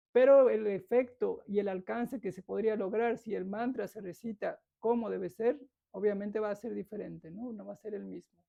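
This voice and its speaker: Woman, patient class lecture, mellow tone, slight fry. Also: mid-range voice, highs cut off. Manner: explanatory, patient, demonstrates pronunciation. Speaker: yoga philosophy teacher.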